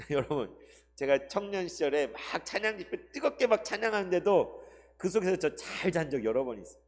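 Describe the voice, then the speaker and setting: A male pastor giving a Sunday sermon, asking the congregation questions and swinging between loud and hushed delivery. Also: sits high, big pitch swings, brisk, a little hiss or hum. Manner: addresses the congregation with rhetorical questions; dramatic shifts between loud and soft delivery. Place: church sanctuary. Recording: long hall reverb.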